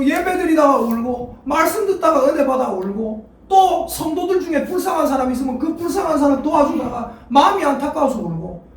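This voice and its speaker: A pastor preaches a sermon, his voice rising and falling with lively energy as he prompts the congregation to answer. The sound rings through a large, echoing church, picked up by a distant mic with faint noise. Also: high-pitched. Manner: lively, calls for congregation responses. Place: church sanctuary. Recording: echoey church hall, mic far off.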